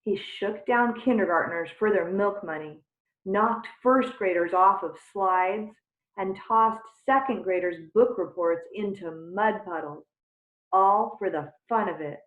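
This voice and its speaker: A woman reading a children's chapter book aloud with unhurried, expressive storytelling. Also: mid-range voice. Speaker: reader. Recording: tinny phone-like sound in a roomy space.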